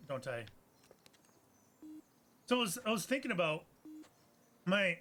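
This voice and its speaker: High, animated man musing through gameplay. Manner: musing, hesitant, self-correcting. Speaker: gameplay streamer. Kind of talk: let's play commentary.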